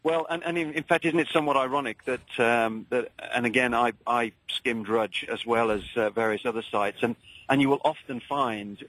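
A man with an English accent calling a radio show, earnest and polite, speaking in hesitant, halting phrases. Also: mid-range voice, a bit bright, low-quality recording. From England.

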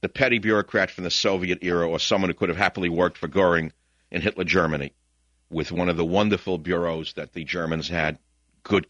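Dry, dull, lo-fi broadcast audio carries the low voice of an older talk radio host with a Bronx New York accent. With no room sound around him, he rants combatively into a studio mic, veering from mutters to shouts.

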